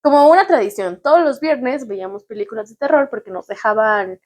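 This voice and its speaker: A young woman with a Mexican accent co-hosting a casual chat, telling stories in a relaxed way and laughing often. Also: a little high, a little fast. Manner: relaxed conversational storyteller with frequent laughter. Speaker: podcast co-host.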